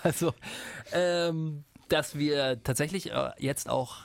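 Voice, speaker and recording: A man co-hosting a podcast in casual, colloquial banter, sometimes halting as he builds his point. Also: fairly high pitch, creaky. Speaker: podcast co-host.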